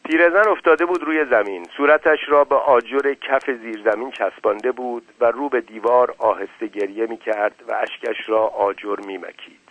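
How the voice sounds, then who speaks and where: A man reading a story aloud in a steady, plain narrating voice, in a dry, phone-like recording. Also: medium pitch, few pauses, dry recording. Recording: dry, phone-like narrow sound.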